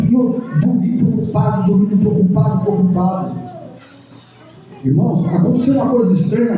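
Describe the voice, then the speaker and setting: A man giving a personal testimony at a Sunday church service, speaking hesitantly and repeating his words. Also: high-pitched. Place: church hall. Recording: echoey church hall, far from mic, dull.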